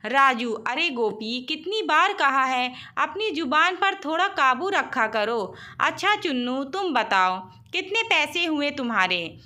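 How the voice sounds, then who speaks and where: A woman playing a harried young husband from a storybook, his voice high and bright, worn out and reproachful. he sighs over money he cannot spare. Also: sing-song, unhurried, few pauses, exaggerated voice. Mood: weary. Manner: weary, reproachful.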